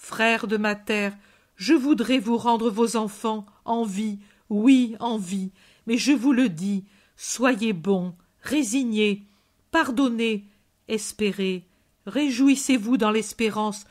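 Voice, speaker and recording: A woman's voice: on the high side, slow, a little mellow. Compassionate male preacher, solemn and exhorting, read by a woman.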